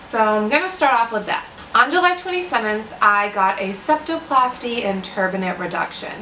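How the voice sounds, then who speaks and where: A young American woman chatting casually as a book vlogger, with informal, animated asides. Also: medium pitch. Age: young adult. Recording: roomy, distant mic, faint noise.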